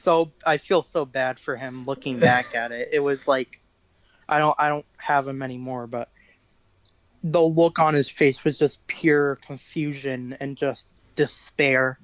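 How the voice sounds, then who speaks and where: A man's voice: mid-range voice, fairly even intonation, a little slow, no echo. A teenage boy, guest musician in an interview, telling rambling self-deprecating stories in casual chat. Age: teens.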